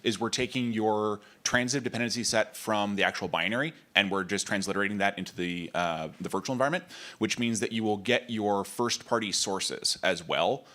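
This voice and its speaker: A man answering audience questions, with quick, fluent technical explanation. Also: on the low side, sharp tone.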